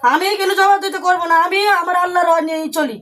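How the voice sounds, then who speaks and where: Very high pitched woman yelling back fast, defiant and rude, exorcism session. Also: steady tone. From Bangladesh. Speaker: person treated in exorcism.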